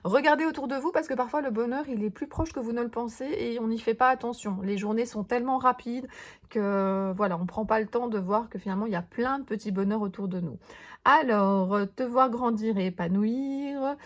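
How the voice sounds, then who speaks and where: A woman's voice: on the high side, fairly quick. A woman vlogger chatting enthusiastically through a scrapbooking haul, with lots of fillers and small restarts. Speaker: crafting vlogger. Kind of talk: casual show-and-tell haul video.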